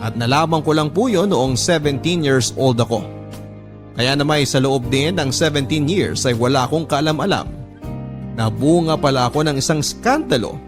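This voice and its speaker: Guy narrating a radio drama letter, mid pitch, earnest and polite, confessional. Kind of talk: scripted narration.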